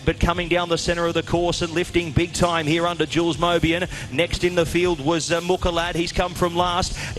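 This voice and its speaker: A man's voice: on the high side, fairly bright tone. A man calling a horse race live as a race caller, in short running phrases. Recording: music playing behind the voice. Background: music.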